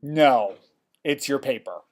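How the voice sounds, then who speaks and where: A male college theater design instructor teaching software in a casual classroom style, often checking in with the class. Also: mid-range voice, expressive, slow. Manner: chatty, checks in with "okay?" often.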